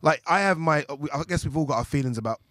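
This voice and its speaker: A man's voice: a little high, fast, no echo, clean studio sound. A man in casual podcast banter, slangy and acting out quotes. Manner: animated, slangy, acts out quotes. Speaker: podcast co-host. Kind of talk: casual chat.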